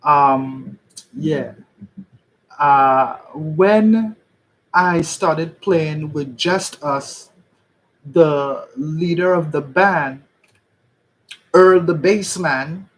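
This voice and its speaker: Slow-talking Trinidadian man. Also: on the high side, poor audio. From Trinidad and Tobago. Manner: rambling, explanatory, keeps checking in with listeners. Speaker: musician. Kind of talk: casual livestream talk.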